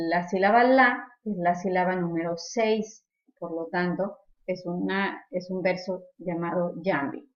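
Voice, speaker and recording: Woman teacher, explanatory lecture, repeats words as she goes, echoey room, slightly muffled sound. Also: medium pitch. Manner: explanatory, repeats words while searching for them. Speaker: literature teacher. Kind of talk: recorded lecture on poetry.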